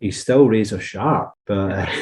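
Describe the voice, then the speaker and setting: Low, mellow Scottish man chatting. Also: drawn-out words. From Scotland. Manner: chatty, rambling, trails into asides. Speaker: podcast co-host. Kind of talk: casual chat.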